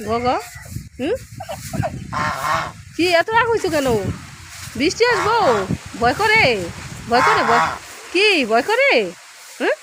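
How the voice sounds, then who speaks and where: A woman talks gently to a hen, asking the same questions again and again in a soothing way. She is outdoors in a farmyard. Chickens cluck behind her, and the recording has clear background noise. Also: sits high. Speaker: poultry keeper. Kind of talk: coaxing talk to a hen.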